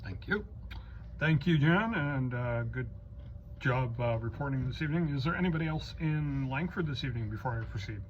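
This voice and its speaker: Animated and at normal speed, a mid-range male voice handles the ham radio roll call as net controller, calling stations with loose procedural patter and occasional hesitation. The sound is muffled, lo-fi, and clearly noisy.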